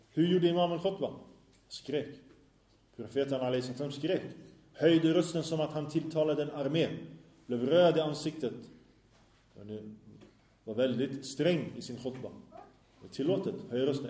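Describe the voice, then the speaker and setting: In a small, reverberant room, an Islamic teacher with a fairly high, dark voice delivers a religious lesson to his class. A microphone in the room captures him as he asks questions and answers them himself.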